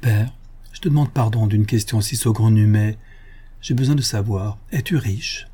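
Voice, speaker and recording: Man doing a timid young wife, pleading, hesitant, mellow, husky. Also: on the low side, normal speed. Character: anxious young married woman, timid daughter.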